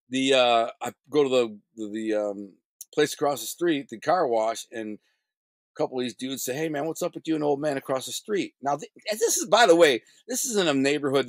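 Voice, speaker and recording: Animated man spinning a blunt street story. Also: mid-range voice, no room sound. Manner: animated, acts out other people's lines in the story; blunt street slang with censored swearing. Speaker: guest telling his life story. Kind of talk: casual storytelling.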